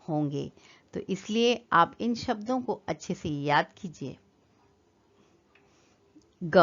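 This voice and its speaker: A woman's voice: mid-range voice, fairly bright tone, highs cut off. A woman teaching a children's lesson, patiently spelling words out for young kids.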